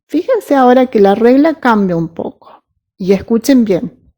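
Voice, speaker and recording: Slow, mellow-voiced woman teaching English. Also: on the high side, lively intonation. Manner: patient, checks understanding with frequent "¿sí?" and "¿mm?"; spells out English examples slowly. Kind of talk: recorded grammar lesson.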